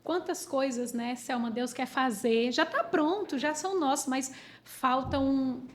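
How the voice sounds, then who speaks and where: Slow high-voiced woman host. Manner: responsive, short affirming interjections. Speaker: podcast host. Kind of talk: casual chat.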